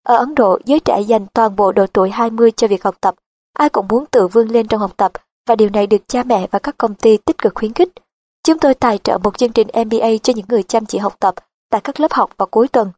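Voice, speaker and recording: A woman reading a nonfiction audiobook in an even, measured narration style. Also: on the high side, no room sound.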